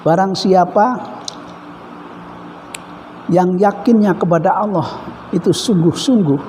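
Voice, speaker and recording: A male preacher giving a measured religious lecture, reciting Arabic phrases between his explanations. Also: sits high, dark tone, a little hiss or hum. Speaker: Islamic preacher. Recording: dull reverberant hall recording.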